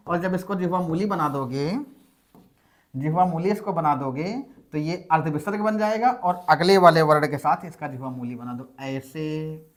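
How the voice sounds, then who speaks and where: A man teaching a Sanskrit grammar lesson, asking and answering his own questions and slowing down to spell out examples. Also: high-pitched. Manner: slows to spell out examples syllable by syllable.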